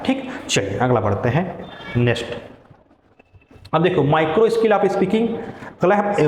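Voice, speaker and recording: A man's voice: fairly high pitch, a little mellow. A male teacher giving an exam-prep lecture, repeating key terms over and over and mixing English terms into his explanations. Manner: repetitive, drills terms, mixes English terms into Hindi. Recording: echoey classroom, faint room noise.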